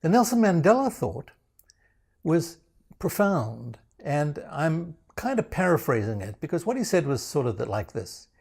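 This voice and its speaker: A man with a gravelly, slightly husky voice introduces his program on video. His pitch swings widely as he delivers teasing, self-mocking asides in a dry, knowing way. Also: very animated, measured pace, darkish tone. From South Africa. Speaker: program founder presenting.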